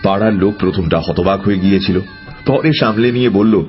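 Deep-voiced male storyteller. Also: brisk. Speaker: narrator. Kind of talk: storytelling narration. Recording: dull lo-fi audio with music.

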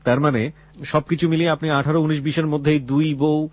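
A man with a Bangladeshi accent and a husky voice hosting a late-night life-story radio show, deliberate and philosophical, slipping in English phrases. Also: fairly high pitch, little pitch movement, darkish tone. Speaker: radio host.

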